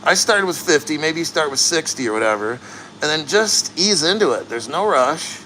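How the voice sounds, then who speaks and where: A man chatting casually and bluntly to livestream viewers, earnest and straining through the cold as he sits neck-deep in an ice plunge. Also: expressive, normal speed, pushed and bright, slight background noise, low-quality recording. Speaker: livestream host.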